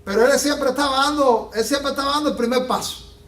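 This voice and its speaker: A man preaching a sermon as pastor, animated and acting out the Bible scenes he tells. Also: very high-pitched, brisk. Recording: echoey room from a distance.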